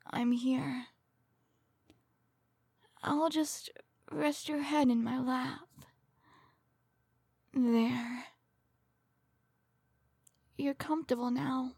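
A woman playing a coldly tender serial killer in a soft, breathy ASMR role-play, slowly soothing her victim as if comforting someone in her lap. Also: high-pitched, steady tone, dry recording, heavily acted. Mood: tender, hushed.

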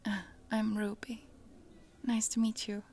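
In an ASMR roleplay, a woman plays a friendly, chatty young Swedish traveler, using a Swedish accent and a soft, giggly whisper. Her voice is a little high and monotone, with a measured pace. There's a bit of hiss or hum.

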